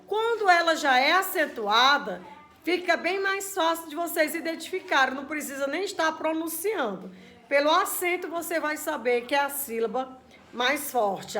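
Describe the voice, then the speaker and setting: A woman teacher giving a recorded grammar lesson, explaining patiently, often checking in with her students and stretching example words out slowly to stress their syllables. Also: sits high, fairly bright tone.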